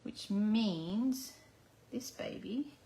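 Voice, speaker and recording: A woman's voice: mid-range voice, very slow, warm tone. An Australian woman giving a live card-making demonstration, chatting and talking herself through each step at her crafting table. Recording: echoey room, faint background noise.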